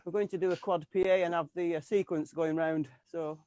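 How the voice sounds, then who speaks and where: A man's voice: on the high side, fairly even intonation, fairly quick, a little mellow, no echo. A man from the UK, a keyboard player in a tribute band, chatting casually in an interview and stumbling through many restarts and fillers.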